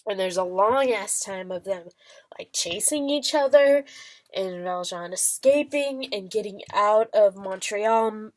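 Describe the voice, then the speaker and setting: A woman vlogger giving a casual, chatty plot summary, swearing freely and using lots of filler words. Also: medium pitch.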